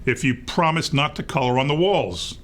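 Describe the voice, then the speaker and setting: Man reading to kids as a strict, bright-voiced mother. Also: medium pitch, moderate pace, natural voice. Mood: firm. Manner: storybook dialogue read to young children. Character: exclaiming, strict mother of a little girl.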